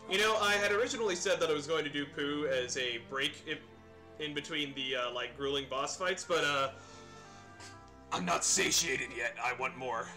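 A man's voice: fairly high pitch, normal speed, sharp tone, faint music behind. A man streaming a video game, rambling and joking through casual commentary and swearing freely.

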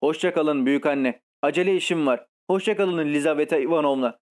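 Storybook figure: a polite young grandson in a hurry, read by a man in his fairly high natural voice. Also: brisk, lightly acted.

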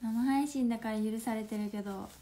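A woman in her twenties from Fukuoka with a Hakata accent, chatting playfully on a phone livestream at home, laughing often and slipping into soft asides. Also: on the high side, steady tone, a little fast. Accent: Hakata dialect. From Fukuoka, Japan. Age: 20s. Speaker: livestream host. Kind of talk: casual livestream chat reading viewer comments.

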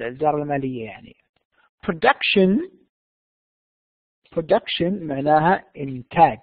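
High-voiced man teaching English, phone-like audio. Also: no echo. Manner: reads English slowly, explains in Arabic. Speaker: university English instructor. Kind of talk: distance-learning lecture. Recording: dry, tinny phone-like sound.

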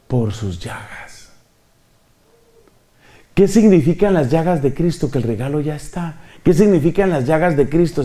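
A middle-aged man, preaching a sermon as a priest, asking his listeners questions and acting out quotes. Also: high-pitched. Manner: animated, questions the audience and acts out quotes.

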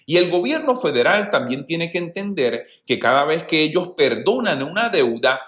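A man's voice: a little high, a bit bright. A man hosting a news channel, giving opinionated commentary in voice-over and addressing viewers as friends. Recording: roomy echo.

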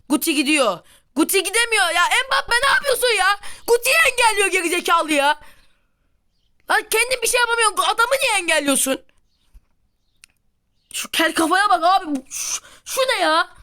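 A woman hosting a football video game, commentating excitably and shouting at the plays. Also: high-pitched. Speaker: gaming video host.

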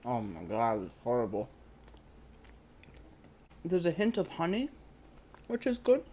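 A young man in his twenties doing a dry, deadpan comedy food review into a close-held phone camera indoors. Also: medium pitch, a little slow, breathy edge. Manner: dry, deadpan, crude humor. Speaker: comedy vlogger. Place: small indoor laundromat by a window.

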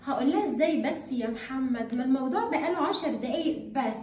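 A woman's voice: high voice, animated, fast talker, a little mellow, distant mic. A woman with an Egyptian accent acts a smug, teasing housemaid in a comedy skit. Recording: echoey room, off-mic, noisy.

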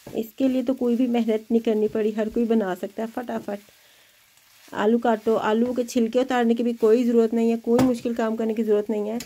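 A woman's voice: a little high, little pitch movement, brisk, mellow, a little hiss or hum, low-quality recording. A woman hosting a home cooking video, chatting in an encouraging way as she cooks in her kitchen. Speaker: home cooking channel host. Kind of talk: casual cooking demonstration.

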